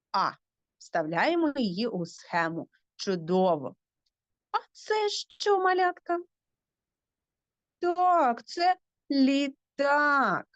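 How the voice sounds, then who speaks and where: A woman's voice: on the high side, no room sound, muffled recording. A woman teaching a phonics lesson to small children over a video call, stretching out words and asking the class questions.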